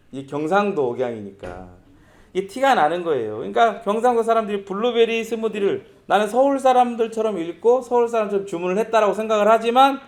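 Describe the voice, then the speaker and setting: Lively, animated male pastor preaching. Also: fairly high pitch. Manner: lively, acts out quoted speech in character voices. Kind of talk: sermon.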